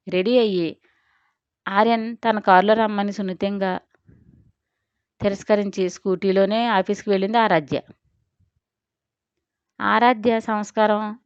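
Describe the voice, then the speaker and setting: A woman storyteller reading an audio story in a steady, expressive way. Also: mid-range voice, clear, resonant tone, no echo, highs cut off. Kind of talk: scripted audio-story narration.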